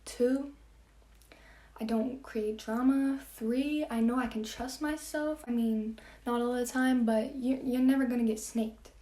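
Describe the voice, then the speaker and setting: A teenage girl talks frankly in a casual vlog, laughing often and dropping into soft asides. Her voice sits a little high. The room around her is echoey. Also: fairly even intonation, unhurried, hardly any pauses. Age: teens. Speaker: vlogger.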